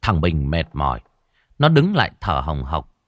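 A man narrating a horror story in a dramatic, expressive way. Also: a bass voice, moderate pace, no room sound.

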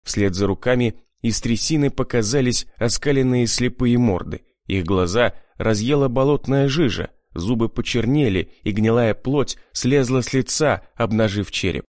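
Male narrator, mid pitch, expressive tense reading, dry booth. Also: normal speed, few pauses, no room sound. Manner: dramatic, tense storytelling. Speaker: audiobook narrator. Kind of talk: scripted first-person narration.

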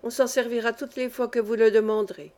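A woman reading an old mine foreman, calm. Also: on the high side, a little fast, natural voice. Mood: reassuring.

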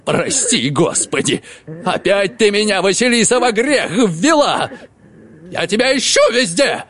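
Мужчина читает за пожилого злобного и набожного хозяина ночлежки, визгливо и суетливо. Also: male voice, sits high, big pitch swings, measured pace, a bit bright, voice pushed up, full character voice. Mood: shrieking. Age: older. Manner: shrieking, fussy. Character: old stingy pious male innkeeper, shrill and spiteful.

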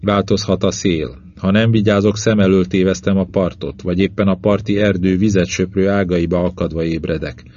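Reading a first-person novel aloud, this male audiobook narrator moves through short phrases at a steady, measured pace. His voice sits very deep, and the audio sounds dull and lo-fi.

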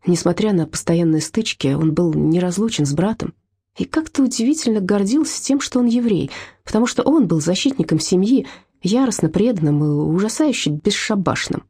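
A woman narrating a novel with a low, mellow voice and a husky grain. She reads in an even storytelling manner, and the recording is dry and close. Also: normal speed. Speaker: audiobook narrator. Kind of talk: scripted narration.

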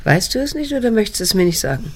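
This husky-voiced actress voices a middle-aged daughter in a radio drama, sounding restrained and quietly repelled as she narrates and asks questions with measured insistence. Her pitch sits at medium and her delivery is very animated, carrying an insistent, cool mood.

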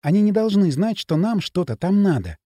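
A man voicing a calm clever girl. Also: sits high, normal speed, no room sound, pitched above the performer's own voice. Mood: patient. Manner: patient, reasoning.

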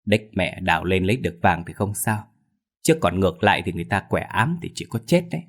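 A man voicing a cowardly male thief who grumbles and frets in quick, nervous speech. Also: low voice, big pitch swings, fairly bright tone, exaggerated voice.

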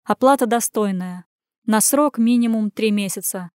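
A woman reading an audiobook, voicing a tired, calm, polite married man who speaks apologetically. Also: mid-range voice, moderate pace, smooth, no room sound, studio quality, natural voice.

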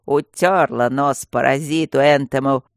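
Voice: mid-range voice, lively intonation, unhurried, no echo, clean studio sound, natural voice. A reader doing a grumpy old stone guardian. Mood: boisterous. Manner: mumbling, toothless, loud grumbling.

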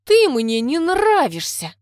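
A woman reading an audiobook, voicing a bossy, scornful female servant who speaks slowly and emphatically. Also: sits high, very animated, no room sound, clean studio sound, voice pushed up. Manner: commanding, slow and emphatic.

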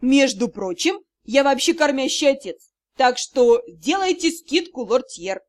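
A woman voicing a brash, cheeky male dragon in an audiobook, loud, teasing and mock-innocent. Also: high-pitched, lively intonation, measured pace.

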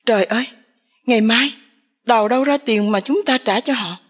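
A woman voicing a poor young village man, agitated and despairing, in a breathy voice. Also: medium pitch, normal speed, lightly acted. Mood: alarmed angry.

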